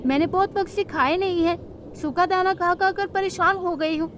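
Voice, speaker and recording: A woman's voice: very high voice, moderate pace, a bit bright, a little hiss or hum. A woman voicing a small, honest female sparrow in a cartoon story, who speaks in a polite, pleading way.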